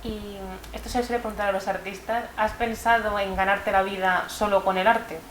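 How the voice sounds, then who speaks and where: A woman's voice: medium pitch, flat delivery, moderate pace. Woman interviewer with faint background hiss. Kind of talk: local TV interview.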